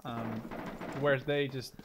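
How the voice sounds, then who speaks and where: A man with a mid-range, steady voice speaks at a measured pace, offering casual, off-the-cuff commentary as he plays. He's a gameplay commentator who thinks aloud informally and swears, with shooter gunfire and clicks filling the noisy background.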